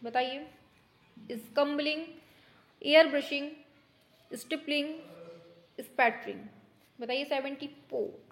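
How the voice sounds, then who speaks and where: A woman teacher running a quick quiz lesson, brisk and teasing, scolding her students in mock anger as if they were children. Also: high voice, fairly even intonation. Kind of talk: online exam-prep quiz lesson.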